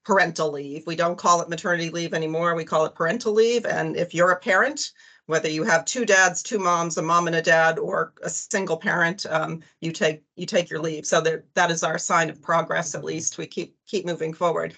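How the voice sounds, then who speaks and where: A woman with a Boston accent tells stories in a friendly, conversational way on a virtual panel. Her voice is crisp and forceful, with a gravelly edge. It comes through a video call. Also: lowish voice, steady tone, fairly quick. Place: home office over video call.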